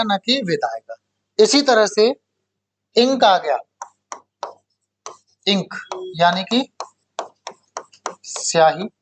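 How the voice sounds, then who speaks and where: A man from India teaching an English grammar lesson to a class. He asks questions and answers them himself, checks "okay?" often and repeats key words slowly. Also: high-pitched.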